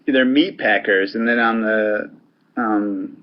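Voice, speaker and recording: A man from Wisconsin in a casual online voice chat, speaking in a dry, easygoing, low-key way. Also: fairly even intonation, slow pace, highs cut off.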